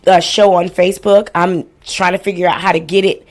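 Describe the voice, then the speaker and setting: Talking a little fast in a low, flat voice, a woman in her forties hosts a laid-back livestream. She covers house rules and shout-outs with blunt, playful slang and plenty of swearing.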